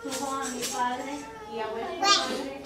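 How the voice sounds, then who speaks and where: A woman's voice: high-pitched, slow pace. Woman reading scripture in a noisy, echoey room. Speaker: congregation member reading scripture. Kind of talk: reading aloud from the Bible. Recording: echoey room, far from the mic, loud background noise.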